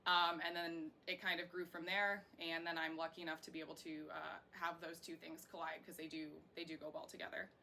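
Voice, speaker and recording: Interviewed casually, an American singer and burlesque performer from Florida, in her thirties, answers in a chatty, rambling way. Her deep voice is flat and sharp, moving fairly quickly with few pauses, over clear background noise.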